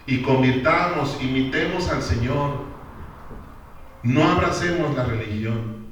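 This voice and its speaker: A man's voice: on the high side, a bit bright, a little hiss or hum. A man preaching a sermon as a pastor, emphatic and often putting questions straight to the congregation. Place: church hall. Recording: very echoey church hall from far off.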